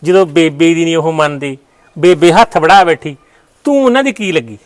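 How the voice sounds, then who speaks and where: A man's voice: on the high side, moderate pace, no echo. A man playing a brother in a family drama skit, warning his sister and brushing her off. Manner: cautioning, dismissive. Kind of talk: village family drama acting.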